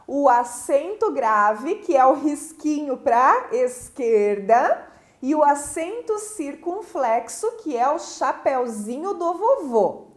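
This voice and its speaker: A woman teacher with a Brazilian Portuguese accent, giving a recorded school lesson and explaining step by step with frequent check-in questions. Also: high voice. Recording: echoey room.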